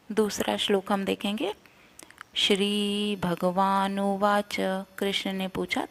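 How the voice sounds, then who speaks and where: A woman teaching verse recitation, patiently spelling out syllables and repeating them. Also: medium pitch. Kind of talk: slow Sanskrit verse recitation lesson.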